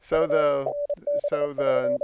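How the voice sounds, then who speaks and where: An older American man, an amateur radio operator who hosts a vlog, explains things casually in a hesitant, reflective way. His voice is a little high and flat, and he speaks extremely slowly. Outdoor noise can be heard behind him.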